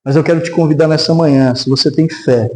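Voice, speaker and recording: A fast-talking pastor with a fairly high voice and a Brazilian Portuguese accent preaches a sermon in a church sanctuary. He tells a testimony in animated fashion, voicing the people he quotes, and leads a prayer. The audio is poor.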